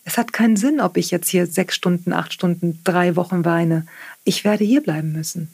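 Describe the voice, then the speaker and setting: A woman with a German accent, an author and therapist, explaining her ideas in a podcast interview, often tagging sentences with "ne?" and pausing on "ähm". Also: lowish voice, vocal fry, a little mellow, husky, no echo. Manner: reflective, tags sentences with "ne?"; frequent hesitation fillers. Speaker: author and guest; therapist working with clients.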